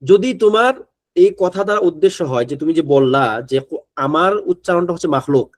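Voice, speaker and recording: A man with a high-pitched voice teaches a religious studies class. He reads passages of Arabic text and then explains them patiently, point by point, checking in with his listeners as he goes. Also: expressive, brisk.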